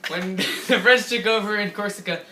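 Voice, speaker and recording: A man's voice: high-pitched, fairly quick, pushed and bright. A man anchoring a mock newscast for a school project, casual and giggling as he reads, recorded far off in an echoey room. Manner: casual, laughing while reading. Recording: echoey room, far from mic, background noise.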